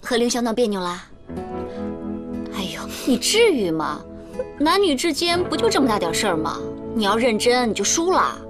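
An actress in a TV drama playing a brash, sharp-tongued woman lecturing her crying friend. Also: fairly high pitch, big pitch swings, normal speed, over music. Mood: bossy. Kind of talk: TV drama acting.

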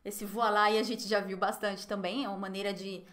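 A woman with a Brazilian Portuguese accent giving a live online French lesson, explaining phrases and slowly modeling pronunciation. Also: mid-range voice, little pitch movement, a bit bright. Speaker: French teacher.

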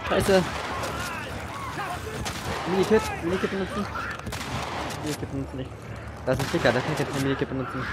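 A man's voice: a little high, fairly quick, pauses often, heavy background noise. Sarcastic man playing a game. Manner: sarcastic self-talk while playing. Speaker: let's play streamer. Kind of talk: gaming commentary. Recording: voice over game sounds.

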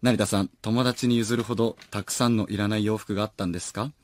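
A man hosting a late-night radio show, reading listener mail aloud with animated, self-mocking chatter and frequent laughter, close on a studio microphone. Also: fairly low pitch, quick pace, no room sound.

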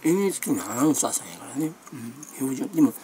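Chatty Kansai woman with lively pitch. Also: rapid-fire, a little hiss or hum. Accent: Kansai Japanese. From Kansai, Japan. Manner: chatty, meandering, refers to herself by nickname, frequent laughs and fillers. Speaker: vlogger. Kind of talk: rambling casual chat.

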